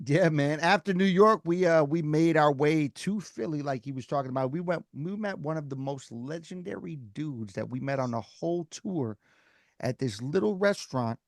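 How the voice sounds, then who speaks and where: A man co-hosting a casual podcast, talking loud and emphatic. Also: a little high, normal speed, no echo, studio quality. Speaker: podcast co-host.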